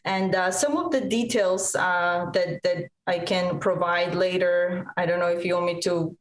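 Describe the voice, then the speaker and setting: A woman's voice: fairly even intonation, a little slow. A woman in her forties from Colombia, a nonprofit CEO telling her story in a chatty, eager way on a video call interview. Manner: chatty, eager, many fillers. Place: home room over video call. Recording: echoey room with faint rumble.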